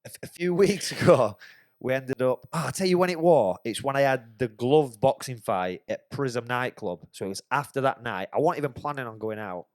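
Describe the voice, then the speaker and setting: A podcast host swears freely while telling an animated story in casual chat. His medium-pitched voice moves at normal speed, recorded in clean studio sound with no room sound.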